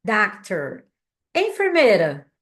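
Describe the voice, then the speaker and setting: A young woman with a Brazilian Portuguese accent leads slow, patient English vocabulary drills, announcing words for her learners to say back. Her voice is mid-range, with pitch that swoops wildly.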